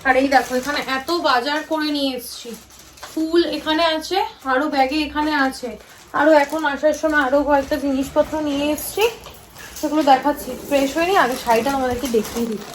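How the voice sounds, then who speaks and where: A woman's voice: sits high, steady tone, quick pace, slight background noise, rough recording. A woman chatting to viewers in a home vlog, showing things around her house. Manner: talking softly at night. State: tired and sleepy. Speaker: vlogger. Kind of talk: casual home vlog chat.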